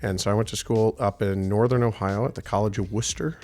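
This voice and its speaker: In a casual interview, this middle-aged Houston winemaker, faintly Texan in accent, tells rambling stories packed with fillers. He speaks fast in a lowish, darkish voice with fairly even intonation.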